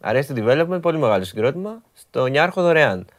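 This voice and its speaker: A man's voice: a little high, sing-song. A man who is a guest on a radio show, chatting casually and eagerly, often repeating his words. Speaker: studio guest. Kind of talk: casual chat.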